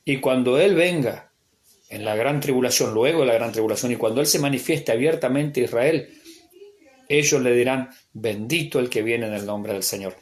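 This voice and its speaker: A man with an Argentine accent, a pastor teaching a Bible class as a sermon, swinging between emphatic raised lines and hushed asides. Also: mid-range voice. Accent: Argentine Spanish.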